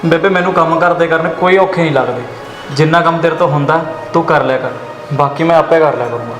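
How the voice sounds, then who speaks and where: A young man with a Punjabi accent, acting a grieving widower and father who talks quickly and earnestly. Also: fairly high pitch, lightly acted. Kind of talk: village drama acting. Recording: echoey room with loud background music.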